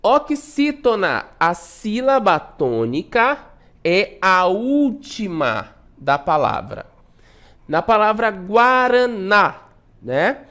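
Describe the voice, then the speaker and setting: A woman teacher with a Brazilian accent giving a recorded lesson, explaining patiently and constantly checking in with her students, sometimes stretching words out slowly. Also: mid-range voice. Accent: Brazilian Portuguese. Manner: stretches out syllables slowly to demonstrate stress.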